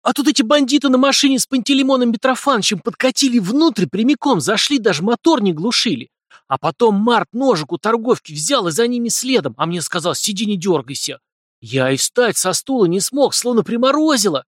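A man voicing an excitable teenage boy who blurts things out eagerly and breathlessly. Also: high voice, moderate pace, husky, no room sound, studio quality, pitched above the performer's own voice, full character voice. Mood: excited.

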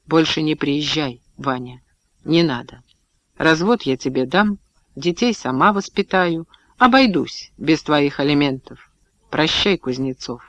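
A man's voice: high voice, animated, normal speed, a bit bright, no echo, highs cut off. A man voicing a resolute young wife who answers her husband with cold, cutting retorts. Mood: bitter.

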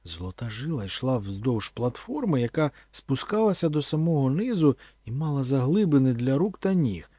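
Male audiobook narrator, husky voice, lively pitch, dry close recording. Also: normal speed, few pauses, dry recording. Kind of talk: scripted narration.

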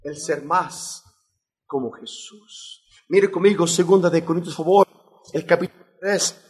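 High-voiced fervent male preacher. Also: a little slow. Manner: fervent preaching, rising to shouts, often addressing "hermanos". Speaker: pastor. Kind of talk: sermon.

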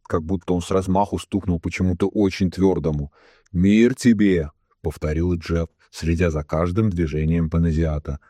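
A male narrator reads a novel in a deep, husky voice. His tone is dark and mellow. The recording is dry and close, with no room sound. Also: level tone, dry recording. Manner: reads all characters himself, slowing for solemn quotes. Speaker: audiobook narrator. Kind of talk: scripted narration.

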